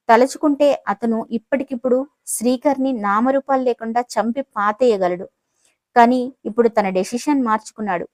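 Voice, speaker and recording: Brief: woman storyteller, steady dramatic voice-over, slightly high voice, dry close mic. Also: no echo. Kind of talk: scripted story narration.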